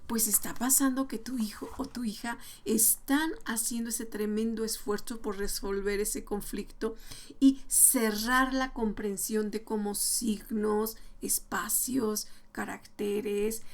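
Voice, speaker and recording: A woman explaining to parents how to read with young children, patient and step by step, slowing down to sound out words. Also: on the high side, fairly even intonation. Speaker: early literacy educator.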